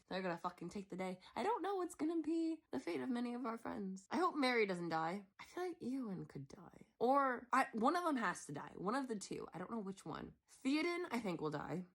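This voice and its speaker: A young American woman hosting a movie reaction, rambling casually, swearing and sometimes dropping to a whisper. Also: on the high side. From United States. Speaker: movie reaction channel host.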